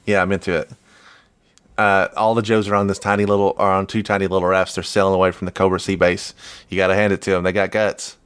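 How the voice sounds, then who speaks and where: Low-voiced man on a laid-back podcast. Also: fast talker, clear, resonant tone, no room sound. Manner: relaxed, laughs often, acts out panel dialogue. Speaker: podcast co-host. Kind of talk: casual comic-book podcast chat with read-alouds.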